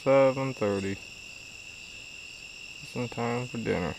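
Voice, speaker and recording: A man's voice: medium pitch, takes it slowly, vocal fry. A man in his thirties talking casually to camera on an outdoor adventure vlog, in short, offhand muttered remarks. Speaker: vlogger. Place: outdoors in overgrown prairie. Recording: noisy outdoors, insects and nature sounds. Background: crickets, insects, outdoor ambience.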